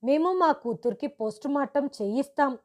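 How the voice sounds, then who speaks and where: Bitter in-laws hurl blame in an accusing storybook voice, as a woman narrator reads them. Her tone stays high. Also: expressive, moderate pace. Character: angry grieving in-laws, accusing.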